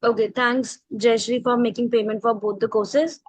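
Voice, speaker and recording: A woman's voice: fairly high pitch, fairly even intonation, normal speed, dry recording. A woman with an Indian accent, a polite and businesslike online workshop coordinator making announcements to participants. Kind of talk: announcements of offers and thanks.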